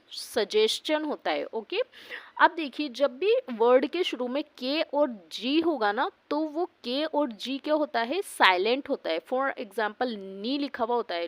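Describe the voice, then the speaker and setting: Woman English teacher, slightly high voice, dry sound; spells words slowly, answers her own questions. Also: a bit bright, no echo. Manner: asks the class questions and answers them herself; spells words letter by letter and repeats them slowly. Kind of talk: pronunciation lesson.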